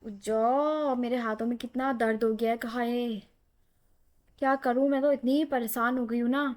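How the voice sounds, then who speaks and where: A woman's voice: a little high, fairly even intonation, darkish tone, close to an everyday voice. A woman playing a rambling, complaining elderly village mother-in-law, in a comedy sketch. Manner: rambling, complaining, drawn-out delivery.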